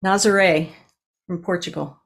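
With a lowish, steady voice and a measured pace, an animal communicator in her sixties hosts a relaxed podcast conversation from her bookshelf-lined room at home. She talks earnestly and chattily, gesturing with her hands, and is picked up by a webcam on a video call.

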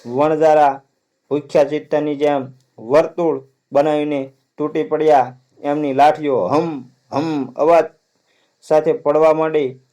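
A man's voice: a little high, fairly even intonation, unhurried, long pauses, dark tone. A man narrating a dramatic folk story aloud in an earnest storytelling manner.

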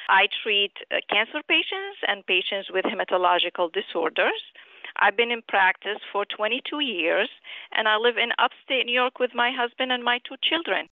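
A middle-aged woman from Syria, a physician and author, answering interview questions over the phone in a measured, earnest way. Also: on the high side, lively intonation, no echo. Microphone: telephone. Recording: tinny phone line.

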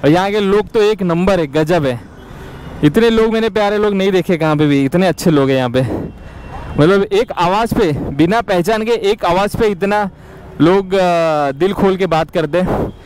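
A man's voice: high voice, moderate pace, darkish tone, slight background noise, poor audio. Upbeat male motorbike vlogger on the road. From India. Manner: chatty, upbeat, keeps urging viewers to subscribe. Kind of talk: casual vlog chat. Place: outdoors on a city street, on a motorbike.

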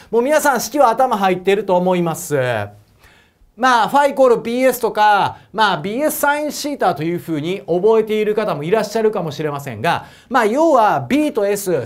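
A man with an Osaka accent teaching exam physics in a lecture, chatty and joking, often asking his viewers questions. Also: high-pitched. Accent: Osaka Japanese. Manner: chatty, asks viewers questions, laughs at own jokes. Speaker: prep school physics teacher. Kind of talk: whiteboard lecture to camera.

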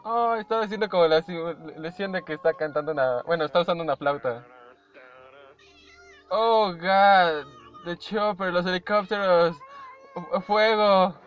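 A man's voice: high voice, normal speed. A young Mexican man reacting to videos in casual, playful chat, humming and mimicking tunes as he goes. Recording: dull lo-fi audio with faint music.

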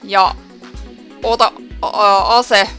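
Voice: mid-range voice, steady tone, pushed and bright, faint music behind, lightly acted. A gaming YouTuber reading a game detective's orders aloud in a plain voice. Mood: firm.

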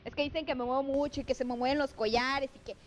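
A woman's voice: sits high, steady tone, quick pace, slight background noise, low-quality recording. A Mexican woman hosting a live TV show, chatting affectionately and reading viewer messages into a handheld mic. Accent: Mexican Spanish. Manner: chatty, affectionate, gushing with pet names. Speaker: TV show host. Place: TV studio. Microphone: handheld microphone.

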